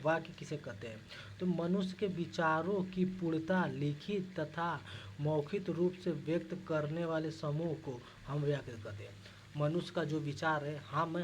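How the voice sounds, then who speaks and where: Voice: medium pitch, slight background noise, low-quality recording. A teacher working through exam questions, reading each one and then explaining it, answering their own questions and calling the listeners "guys". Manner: asks questions and answers them, repeats key terms; repeats the same point several times.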